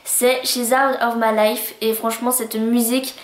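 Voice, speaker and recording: A beauty vlogger runs through her monthly favourites in a casual vlog, chatty and bubbly, gushing with cutesy words. Her voice is on the high side, unhurried, and flat in delivery. The recording has a roomy echo.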